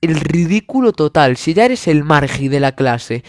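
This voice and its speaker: A young Spanish-accented man from Spain riffs through a comedic monologue, sarcastic and over the top, swearing freely. His voice sits somewhat high for a man. The sound is dry and close with no room to it. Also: big pitch swings, a little slow, dry recording.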